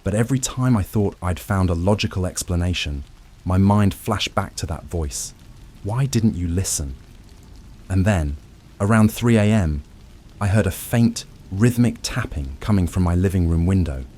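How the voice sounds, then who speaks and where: A man with a low, mellow voice narrates a first-person horror story in a scripted, tense style, using dramatic pauses.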